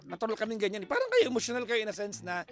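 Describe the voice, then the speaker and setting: A man chatting casually with his partner, joking and rambling in a relaxed way. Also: high-pitched, very fast, crowd noise. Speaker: co-host of a couple's channel. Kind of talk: casual chat.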